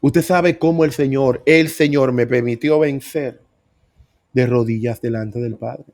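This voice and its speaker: A man's voice: medium pitch, a little slow, a little mellow. A middle-aged man preaching, telling his own story with earnest emphasis. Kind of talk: sermon testimony.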